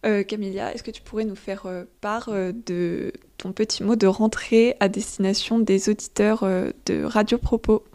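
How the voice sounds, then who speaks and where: A woman hosts a student radio interview, asking her questions hesitantly and pausing on fillers. Her voice is very mellow and warm, with a soft, relaxed tone. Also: medium pitch.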